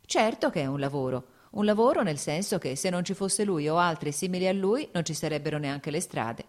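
A woman voicing an easygoing, worldly male nobleman who speaks calmly and teases in an audiobook reading. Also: lowish voice, brisk, natural voice. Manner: calm, teasing.

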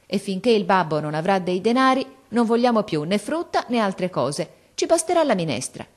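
A woman's voice: mid-range voice, big pitch swings, moderate pace, voice pushed up. Woman voicing an earnest, determined young girl. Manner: earnest, pleading and insistent. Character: resolute, loving young girl, older sister.

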